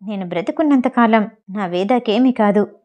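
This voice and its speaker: A woman's voice: medium pitch, normal speed, a little mellow, natural voice. A woman voicing an angry, protective young man who speaks sternly and threateningly, in a storybook reading.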